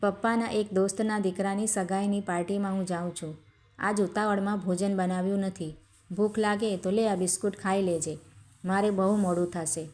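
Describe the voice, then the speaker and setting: A woman's voice: medium pitch, steady tone, normal speed, natural voice. A woman voicing a spoiled, contemptuous young wife from a rich family in a told story. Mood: dismissive. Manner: contemptuous, sharp-tongued.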